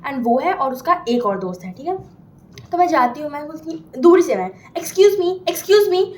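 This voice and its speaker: A woman's voice: high-pitched, sing-song, fairly quick, slight background noise. A young woman from India casually telling a made-up story, chatty and often asking "theek hai?" as she goes. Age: young adult. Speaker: vlogger telling an imagined story. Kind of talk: casual storytelling, Hindi mixed with English.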